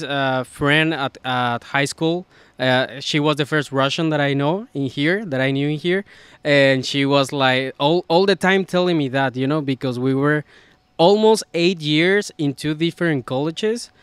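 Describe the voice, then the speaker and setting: Host telling stories. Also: male voice, on the high side, measured pace, a bit bright, clean tone, dry recording. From Mexico. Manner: conversational, storytelling. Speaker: podcast host. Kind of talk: casual interview chat.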